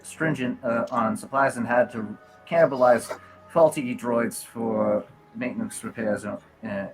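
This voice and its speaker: A game master voicing a polite, formal admin droid who sounds like an apologetic butler, with stiff, overly courteous phrasing. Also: male voice, mid-range voice, lightly acted, low-quality recording.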